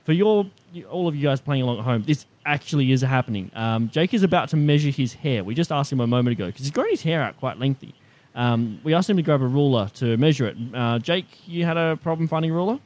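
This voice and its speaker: Fast-talking Australian man hosting radio. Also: medium pitch, animated, darkish tone. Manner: bantering, playful. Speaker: radio show host. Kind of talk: casual chat.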